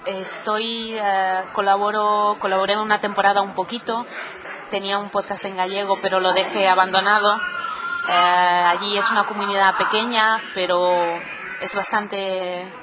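A middle-aged woman from Catalonia, answering interview questions casually, with many pauses and fillers. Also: medium pitch, flat delivery, noisy background. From Catalonia, Spain. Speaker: podcaster, guest.

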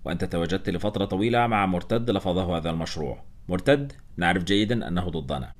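Give me a man playing a stern, dismissive project director, deep-voiced and brisk, for an audiobook. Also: expressive. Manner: firm, curt, dismissive. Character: stern middle-aged male project director, cold.

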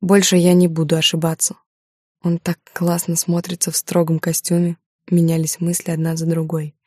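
A woman narrating a romance novel in the first person, in soft, even storytelling. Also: fairly low pitch, normal speed, dry recording, clean studio sound.

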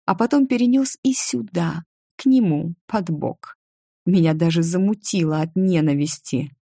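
A woman reads a first-person novel aloud, her voice low and mellow. She reads with feeling, and the sound is dry and close to the mic. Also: normal speed, no room sound. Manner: expressive, emotional reading. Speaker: audiobook narrator. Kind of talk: first-person audiobook narration.

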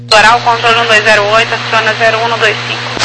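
A man's voice: very high voice, monotone, fast talker, over music. A Brazilian man working as an air traffic controller, giving clipped instructions over a crackly military-style radio. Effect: crackly radio transmission. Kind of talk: clipped aviation radio phraseology. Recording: crackly, noisy aviation radio with hum.

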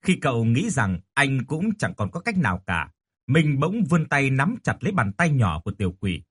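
A man reading a horror audiobook with an expressive, dramatic delivery. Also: mid-range voice, normal speed, husky. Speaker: narrator.

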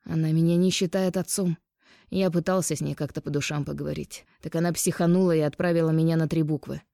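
A woman's voice: low voice, steady tone, quick pace, gravelly, dark tone, no room sound, studio quality. A woman doing a guilty, pleading ex-husband. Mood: weary, thoughtful. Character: remorseful ex-husband, middle-aged man, guilty and placating. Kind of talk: audiobook reading.

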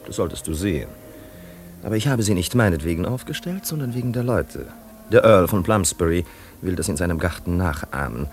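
A fussy, anxious rich host. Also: male voice, low voice, expressive, fairly quick, darkish tone, a little hiss or hum. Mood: fretful. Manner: fretful and pedantic.

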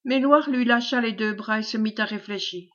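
A woman audiobook reader narrating a novel in a steady, measured way, on a dull lo-fi recording. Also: fairly high pitch. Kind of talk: novel reading.

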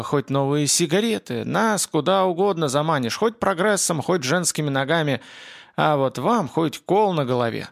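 A man's voice: a little high, vocal fry, a bit bright, full character voice. A man voicing a middle-aged male scientist in an audiobook, with a wry, bantering manner. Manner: wry, bantering, then apologetic.

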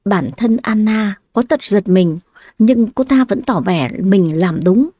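Brief: woman narrator, mellow tone, dry close sound. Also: medium pitch, slow pace, no room sound. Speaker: storyteller. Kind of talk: dramatic story narration.

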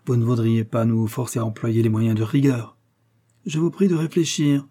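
A man's voice: mid-range voice, steady tone, normal speed, dark tone, slightly rough, natural voice. A man reading a storybook, voicing a cool, unflappable male bailiff who speaks in a formal and courteous way.

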